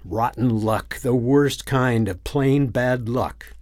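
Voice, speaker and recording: An easygoing divorced dad who deflects with dry, teasing jokes, as a man reads him aloud. His voice sits at an ordinary middle pitch, recorded close and dry with no room sound. He is a quiet storybook figure told in a plain reading voice. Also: slow, no room sound, lightly acted. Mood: wry.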